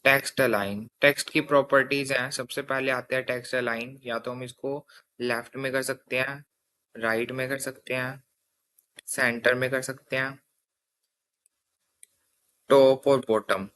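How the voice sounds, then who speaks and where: A young man with a steady, slightly bright medium-pitched voice teaches coding unhurriedly, pausing often. Casual in style, he walks through the steps one by one and checks in frequently with "theek hai."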